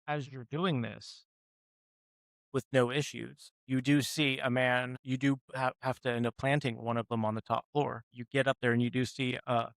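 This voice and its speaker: A man narrating a tabletop game as game master, measured and deliberate. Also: mid-range voice, level tone, creaky, fairly bright tone, no echo.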